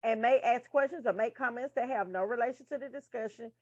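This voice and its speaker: A woman's voice: fairly high pitch, fast talker, darkish tone, dry recording. A woman teaching nursing material in a casual, frank style, full of profane asides to her listeners. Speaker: nursing tutor. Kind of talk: casual study lesson. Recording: dull lo-fi sound.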